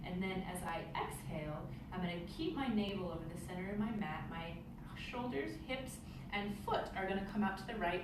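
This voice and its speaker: A woman instructor gives guided yoga cues in short, gently paced phrases, speaking through headphones used as a mic. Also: mid-range voice. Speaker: yoga instructor leading movement exercises. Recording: echoey room, distant, clear background noise.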